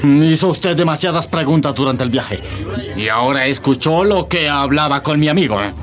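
A man's voice: a little high, lively intonation, normal speed, fairly bright tone. An actor playing a menacing, fanatical terrorist gunman in a radio drama, sneering and boastful. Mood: mocking, suspicious. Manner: sneering, threatening, with mocking chuckles.

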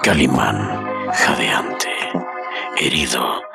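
A man's voice: a bass voice, very slow, creaky. A man reading dramatic scripted narration for a radio serial. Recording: dramatic music behind the voice.

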